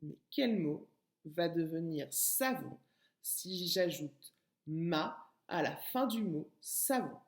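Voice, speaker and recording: A woman's voice: deep voice, lively intonation, slow, reverberant. A woman teacher giving a recorded lesson to young children, speaking patiently and addressing the child directly. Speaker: kindergarten teacher.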